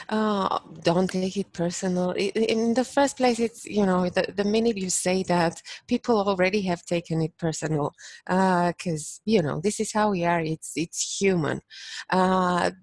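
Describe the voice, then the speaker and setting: Woman, from Romania, podcast guest, thoughtful, self-correcting, mid pitch, dry close sound. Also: measured pace, darkish tone, no echo. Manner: thoughtful, many restarts and fillers. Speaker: podcast guest, business owner. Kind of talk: casual interview chat.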